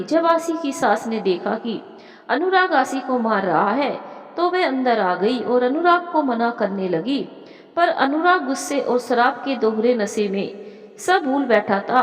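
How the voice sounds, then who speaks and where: A woman narrating a moral story in an expressive, melodic reading. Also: fairly high pitch, unhurried. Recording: echoey room with long reverb.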